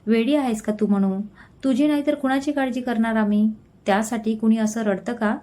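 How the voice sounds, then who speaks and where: A woman's voice: fairly high pitch, steady tone, normal speed, warm tone, natural voice. A woman doing a chatty, fussing best friend.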